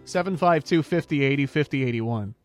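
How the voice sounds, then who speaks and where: A man hosting a local radio call-in show, talking in a smooth, easygoing radio host manner into a studio microphone. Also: medium pitch, expressive, a little fast, dry recording, faint music behind.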